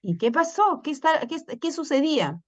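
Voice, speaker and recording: A woman's voice: sits high, very animated. A woman teacher with a Peruvian Spanish accent, giving a classroom lesson on story structure and asking the class questions. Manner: slow, questioning, acts out story voices.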